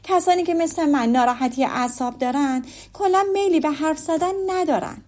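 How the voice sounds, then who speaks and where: A woman voicing a fretful, complaining middle-aged mother, shrill and self-pitying, in an audiobook. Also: a little mellow, close to an everyday voice. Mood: scolding. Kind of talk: audiobook character voice.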